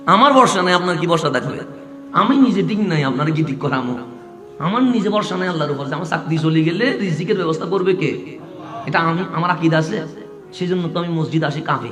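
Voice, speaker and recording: Male preacher, fairly high voice, fiery sermon, echoey hall with faint music behind. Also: expressive, fairly quick. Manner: impassioned, swings from quiet talk to high shouting. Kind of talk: waz sermon.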